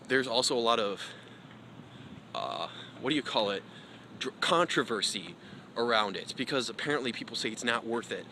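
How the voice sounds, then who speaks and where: A man's voice: mid-range voice, low-quality recording. A young man vlogging outdoors in cold wind, rambling in a hesitant, self-deprecating way with many fillers. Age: young adult. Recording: loud wind noise on the mic. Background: heavy wind noise.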